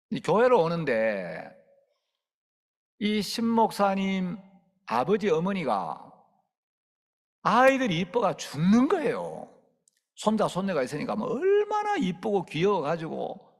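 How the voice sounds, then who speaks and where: 경상도 억양이 있는 중년 남자 목사가 일화를 곁들여 설교하며, 꾸짖는 목소리를 흉내 내며 실감 나게 이야기한다. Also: male voice, a little high, long reverb tail. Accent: Gyeongsang. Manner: animated storytelling, acts out scolding voices. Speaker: pastor. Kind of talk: sermon with anecdote.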